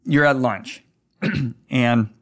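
A man's voice: medium pitch, very slow. A man, a guest pastor, talking earnestly in a conversational interview, often stammering and restarting as he tells stories.

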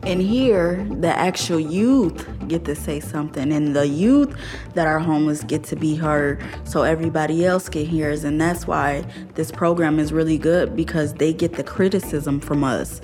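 A woman's voice: deep voice, normal speed, darkish tone. A young woman telling her own story in an interview, candid and casual, using slang and laughing often. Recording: faint music underneath.

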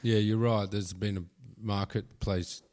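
A man's voice: fairly low pitch, fairly even intonation, unhurried, a little mellow. A man chatting casually about films as a podcast co-host, sweary and slangy. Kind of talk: casual film chat. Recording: clearly noisy background ambience.

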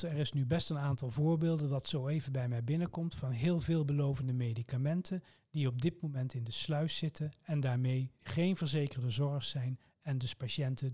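A man with a Dutch accent, answering interview questions in a measured, formal way with precise terms. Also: mid-range voice, dark tone. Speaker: medical oncologist guest.

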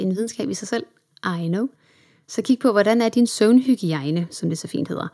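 A woman's voice: medium pitch, gravelly, a little mellow. A young woman hosting her own self-help podcast, chatting in an upbeat way and slipping English words into her talk. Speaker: podcast host.

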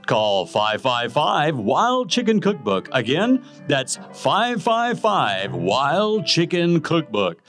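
Brief: male infomercial announcer, pushy and animated, higher voice, music underneath. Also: slow, few pauses. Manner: hard-selling, emphatic pitch. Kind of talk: infomercial parody.

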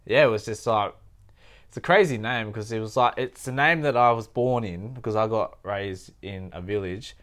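A man from Thailand, a podcast guest telling his life story in casual conversation, halting and full of fillers. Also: fairly low pitch, fairly bright tone.

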